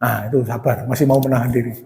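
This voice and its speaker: A man's voice: mid-range voice, flat delivery, quick pace, gravelly, warm tone. A man giving a conversational sermon as ustadz to a mosque congregation, often calling them Pak and asking them questions. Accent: Indonesian from West Java. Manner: acts out quoted voices. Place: mosque hall. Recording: echoey mosque hall with long reverb.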